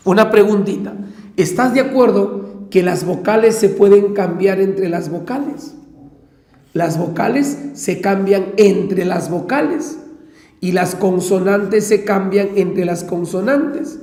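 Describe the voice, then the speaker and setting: A man's voice: high voice, a little mellow. A man with a Peruvian Spanish accent, a math teacher giving an exam-prep lecture step by step and checking in with his listeners. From Peru. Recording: echoey room with long reverb.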